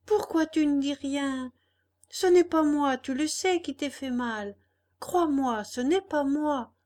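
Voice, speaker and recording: A woman's voice: high voice, very animated, unhurried, gravelly, a little mellow, full character voice. A woman doing Pinocchio, a cheeky puppet boy. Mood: tearful. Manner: mocking taunts, then tearful pleading. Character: cheeky wooden puppet boy, impish and rude.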